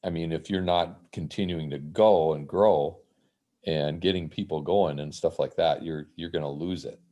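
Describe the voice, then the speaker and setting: A man on a casual team call, explaining things in a calm, matter-of-fact way. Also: extremely low pitch, normal speed, dull audio.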